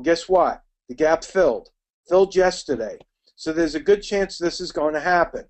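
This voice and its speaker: Middle-aged male webinar instructor, slightly high voice, rapid and chatty. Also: a little mellow. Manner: quick, chatty, addresses attendees by name. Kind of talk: live webinar teaching.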